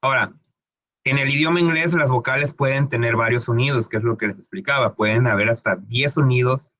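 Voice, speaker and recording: A male English teacher gives a casual pronunciation lesson in a brisk, sharp voice of medium pitch, recorded dry. He keeps things conversational, frequently checking in with "¿ok?" and stretching out sounds to demonstrate them, with plenty of fillers and restarts.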